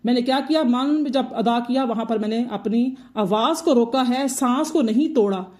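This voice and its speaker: A woman's voice: on the high side, moderate pace, darkish tone. A woman teacher explaining Quran recitation rules patiently, often repeating her points. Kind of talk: explanatory tajweed lesson.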